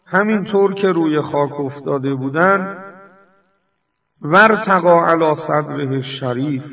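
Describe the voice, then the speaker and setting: A man's voice: on the high side, distant mic, highs cut off. A man preaching a mourning sermon, narrating in a lamenting tone and reciting Arabic quotations.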